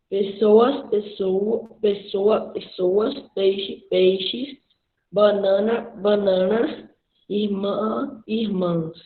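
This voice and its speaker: A student reading a list of words aloud slowly and carefully over an online call. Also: male voice, sits high. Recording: echoey tinny phone-like call audio.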